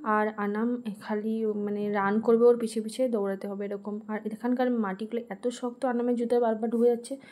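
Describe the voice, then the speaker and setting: A woman's voice: on the high side, flat delivery, normal speed, warm tone. A young woman vlogger narrating casually to her viewers while walking outdoors, chatty and meandering with plenty of fillers. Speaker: vlogger, mother. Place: outdoors in a residential park.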